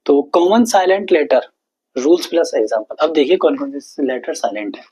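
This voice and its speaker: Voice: mid-range voice, animated, moderate pace, mellow, husky, low-quality recording. A teacher giving an online exam-prep lesson in Hindi, patiently explaining rules and repeating mnemonics several times while checking in with the listener.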